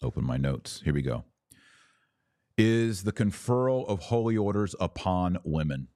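This podcast host has a low, dark voice with lively intonation and an unhurried pace. He delivers emphatic, opinionated religious teaching, posing rhetorical questions and occasionally reading aloud, recorded dry on a close mic at a webcam setup with no room sound.

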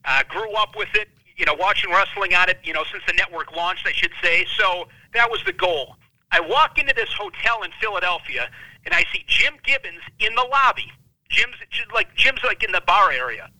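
A high-strung man in his thirties with a high, very bright voice tells his story as a podcast guest. He talks intensely and animatedly, recorded dry and close. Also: lively intonation, moderate pace, no room sound, low-quality recording. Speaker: wrestling analyst, guest.

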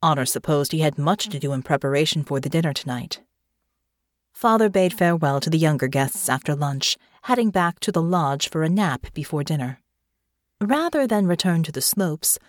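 A woman narrating an audiobook in a measured storytelling manner on a close mic. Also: fairly low pitch, no echo. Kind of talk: scripted narration.

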